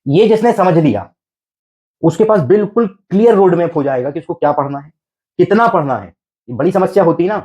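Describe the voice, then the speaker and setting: A man's voice: high voice, expressive, fairly quick, a little mellow, highs cut off. A man teaching an exam preparation class, coaxing his students with repeated rhetorical questions and frequent check-ins. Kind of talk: exam coaching lecture.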